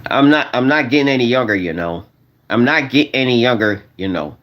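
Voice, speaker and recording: Man, forties, vlogger; loose slangy monologue, repeats himself, lively pitch. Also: fairly quick, dull audio. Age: 40s. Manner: repetitive, restarts and repeats phrases; slangy, addresses viewers as y'all. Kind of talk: rambling casual monologue to viewers.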